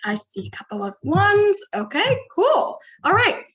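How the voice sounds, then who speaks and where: A woman presenting a live trading webinar, talking excitedly and quickly as she walks through her screen. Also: extremely high pitch, roomy sound, rough recording. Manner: excitable, fast-talking, chatty. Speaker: guest trader presenting a webinar.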